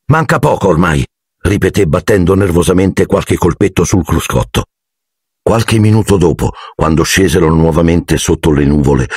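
A man narrating an audiobook with measured, dramatic storytelling. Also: low voice, slightly rough, dry recording, studio quality.

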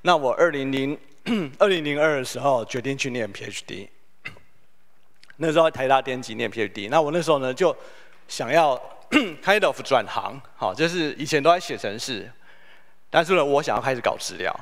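A man's voice: mid-range voice, lively intonation, normal speed, a bit bright. A man, giving a humorous, story-driven conference keynote. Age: 40s. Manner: humorous, storytelling, self-deprecating. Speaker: keynote speaker. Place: conference hall.

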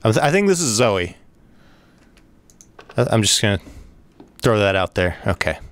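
A man giving let's play commentary on a horror game, swearing a lot, rambling and breaking into excited outbursts. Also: lowish voice, moderate pace. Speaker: gaming video host.

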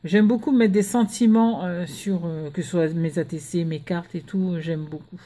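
Woman vlogger, mellow tone, hushed, chatty with hesitations, casual home unboxing. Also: lowish voice, normal speed. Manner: chatty, hesitant with many fillers; talking softly while children nap. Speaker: crafting vlogger.

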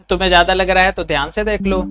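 A man livestreaming and bantering with his chat, with a sore, hoarse throat and a teasing, foul-mouthed manner. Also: sits high, a bit bright. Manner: teasing, swears freely, quick comebacks. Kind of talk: casual live stream banter.

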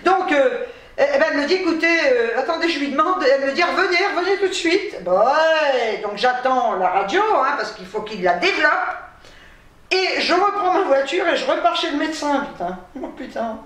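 A woman's voice: sits high, animated, moderate pace, a bit bright, recorded from a distance. Tired chatty woman in an echoey room. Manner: chatty, exasperated, laughing asides. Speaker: vlogger. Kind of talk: casual storytelling to camera.

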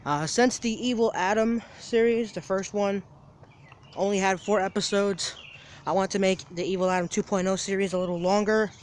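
Filming a casual daily vlog by a parking lot, a teenage boy of seventeen talks into a phone held at arm's length in a high voice with fairly even intonation at normal speed. He rambles, repeats things and restarts his sentences, and a little hiss or hum is audible.

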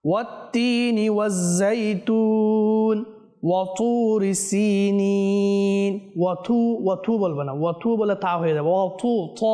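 Earnest high-voiced man teaching recitation. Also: a little mellow. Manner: drawn-out melodic recitation between quick explanations; earnest, repeats corrections to viewers. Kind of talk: televised recitation lesson.

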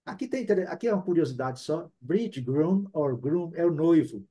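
A man with a Brazilian Portuguese accent teaching a live online English class, chatty and often adding quick tag questions. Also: a little high, lively intonation, dark tone, breathy edge.

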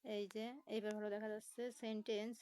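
Slow, patient woman teacher spelling words. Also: medium pitch, completely flat delivery, mellow, smooth, low-quality recording. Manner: spells words letter by letter, slow explanations with many fillers. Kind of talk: online lesson explaining a textbook.

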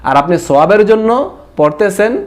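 Man, Bangladeshi Bengali accent, recitation teacher, emphatic, slightly high voice. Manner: emphatic, repeats his points; stretches out words slowly when demonstrating. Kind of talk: explanatory lesson.

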